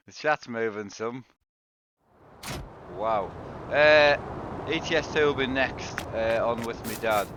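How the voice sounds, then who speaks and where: Speaking slowly and pausing often in a medium-pitched voice, a man with a cold sounds tired while chatting with viewers during live-stream gameplay. He greets them by name, and loud background noise runs through the recording.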